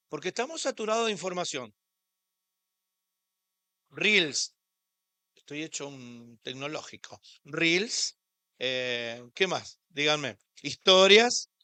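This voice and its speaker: A man's voice: a little high, sharp tone, no echo. A man with an Argentine Spanish accent preaching a sermon as a pastor in a church, impassioned and rising on his rhetorical questions.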